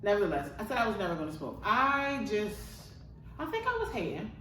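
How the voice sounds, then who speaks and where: Lively slangy woman in an echoey room. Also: mid-range voice, fairly quick, far from the mic, slight background noise. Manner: laid-back slangy banter, laughs often. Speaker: podcast co-host. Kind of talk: casual chat.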